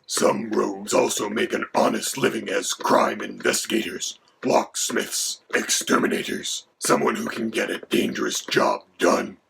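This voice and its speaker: A voice, given as male, playing a haughty dragon companion with a gravelly, creaky, half-whispered sound. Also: fairly low pitch, a little slow, few pauses, background noise. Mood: lecturing. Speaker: co-host.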